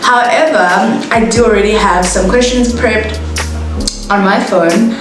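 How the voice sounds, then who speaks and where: A woman's voice: medium pitch, unhurried. South african woman, twenties, chatty vlogger, very echoey room, music playing underneath. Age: 20s. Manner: chatty, laughs at herself, bubbly asides. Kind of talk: casual get-to-know-me chat. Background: background music.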